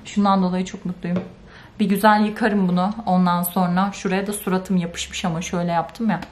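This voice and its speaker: Woman ranting animatedly in a vlog. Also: fairly quick. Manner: animated, exasperated ranting with sudden high outbursts. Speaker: vlogger. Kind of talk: casual vlog chat to camera.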